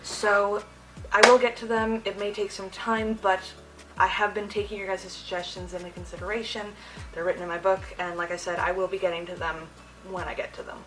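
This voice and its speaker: A woman's voice: mid-range voice, brisk, soft background music. Young woman telling a story, slightly distant mic. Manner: animated slangy storytelling with mild exclamations. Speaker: video host. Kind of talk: casual personal storytime to camera.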